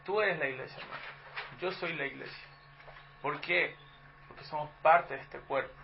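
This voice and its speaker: Chilean preacher guy, fairly high voice, talks to the church like a chat, muffled lo-fi recording. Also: normal speed, creaky, a little hiss or hum. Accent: Chilean Spanish. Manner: conversational teaching, rhetorical questions to the congregation. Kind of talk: sermon. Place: church hall.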